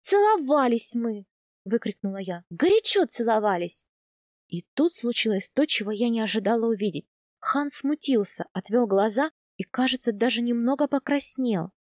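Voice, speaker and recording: A woman narrating a first-person novel as an audiobook, expressive and animated in the heroine's lines. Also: a little high, moderate pace, no echo, clean studio sound.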